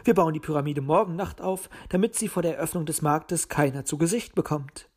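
A woman's voice: deep voice, brisk, darkish tone, slightly rough. A woman voicing a kindly old male owl who hoots between his words. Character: kindly elderly male eagle-owl uncle, hooting.

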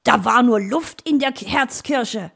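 A woman's voice: fairly high pitch, measured pace, gravelly, fairly bright tone, slightly rough, pitched above the performer's own voice, exaggerated voice. A woman voicing a kindly, good-humoured male fox in a children's audio story, chuckling and easygoing. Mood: jovial.

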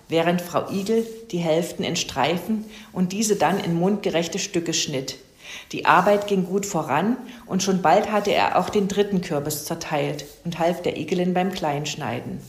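A woman reading a children's story aloud in a calm, even manner. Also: on the low side. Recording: roomy echo.

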